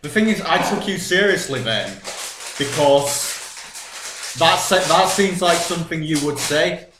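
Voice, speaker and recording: A man's voice: on the high side, unhurried, noisy background. A young man co-hosting a podcast, teasing and blunt, swearing freely in casual chat. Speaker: podcast co-host. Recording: echoey room.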